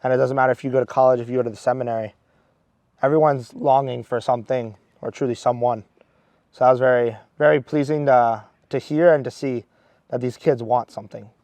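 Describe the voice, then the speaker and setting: A man's voice: medium pitch, fairly even intonation, brisk, darkish tone, dry recording. A man in his twenties from Maryland, a seminarian earnestly telling a story with many restarts. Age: 20s. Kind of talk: casual storytelling.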